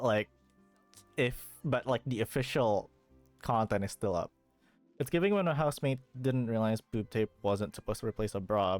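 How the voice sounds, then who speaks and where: With game music in the background, a woman livestreams a video game, chatting and rambling, swearing freely, and sounding incredulous at what happens. Her voice is extremely low and a little mellow, recorded with no echo.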